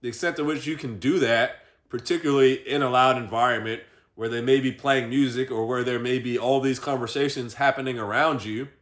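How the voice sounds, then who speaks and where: A man speaks in a reflective vlog monologue, thinking out loud. His voice sits in an ordinary middle register. He circles his points with frequent fillers and loose restarts. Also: mid-range voice, fairly even intonation. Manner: thinking aloud, many fillers, unhurried. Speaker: vlogger.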